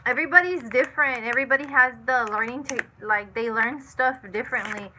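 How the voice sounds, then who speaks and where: A woman in her thirties with a high-pitched voice speaks briskly over background noise while hosting a casual live chat. As she answers viewers, she repeats herself and leans heavily on "you know" and "like."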